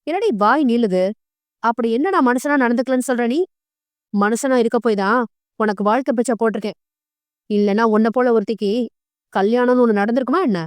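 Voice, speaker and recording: A woman's voice: fairly high pitch, fairly quick, pauses often, no echo, close to an everyday voice. A woman voicing an arrogant young husband in an audio novel, speaking with taunting contempt. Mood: scornful.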